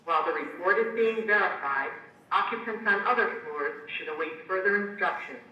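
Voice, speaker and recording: A man's recorded emergency announcement, played over a building's PA system in a formal, measured way. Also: sits high. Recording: distant echoey muffled PA speaker.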